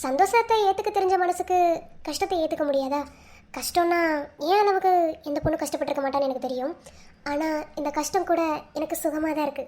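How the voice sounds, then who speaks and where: A woman's voice: high-pitched, fast talker, close to an everyday voice. A woman voicing a heartbroken young wife. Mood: tender, sorrowful. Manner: soft, pleading monologue, later possessive and scolding. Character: young pregnant woman grieving her absent husband. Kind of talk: amateur cartoon voice acting.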